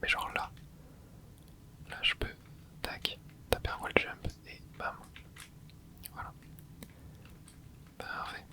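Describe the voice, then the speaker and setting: A male ASMR host whispers quietly to himself as he games, taking a slow pace and pausing often. His relaxed remarks are loaded with gamer slang.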